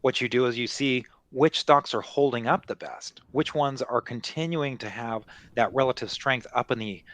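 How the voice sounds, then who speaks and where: A male market analyst talks through his reasoning off the cuff in a mid-pitched voice. He explains in a conversational way, often dropping in small check-in phrases. The sound is close and dry, with very little room in it. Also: normal speed, a bit bright, dry recording. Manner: conversational, explanatory, peppered with "you know" and "right?". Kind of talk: unscripted market commentary.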